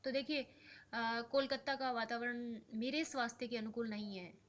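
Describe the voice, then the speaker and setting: A woman's voice: fairly high pitch, fairly even intonation, normal speed, a little hiss or hum. A young woman teaching Hindi spelling, patiently repeating each word as she explains a practice paper, sleepy late at night and mixing in English words. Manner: mixes in English words and phrases.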